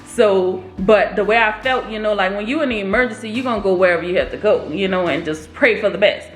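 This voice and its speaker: A young woman vlogger telling a story in a casual, animated, expressive way. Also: mid-range voice, fast, faint music behind. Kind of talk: storytime vlog. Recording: roomy echo.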